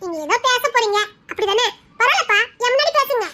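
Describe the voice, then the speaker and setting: A woman voicing a cheeky, nosy little boy who talks fast and giggles. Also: very high voice, animated, bright, forceful tone, heavily acted.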